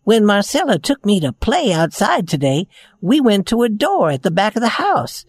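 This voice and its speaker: A man's voice: high-pitched, huge pitch swings, normal speed, breathy edge, no room sound, studio quality, voice pushed up, heavily acted. A man voicing a kind, cheerful rag doll girl in a children's storybook reading.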